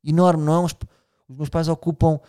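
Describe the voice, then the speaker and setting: A slightly fast, mellow, clean voice pitched on the high side and held at a level tone belongs to this podcast host. He's a man in his thirties with a European Portuguese accent who muses casually, restarts often, and speaks right to his listeners.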